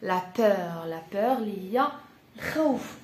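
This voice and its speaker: A woman's voice: mid-range voice, expressive, a little mellow. Moroccan woman teaching in a roomy space. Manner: repeats key phrases slowly, checks in often with "d'accord?". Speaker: French teacher. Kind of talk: classroom-style language lesson. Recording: roomy echo.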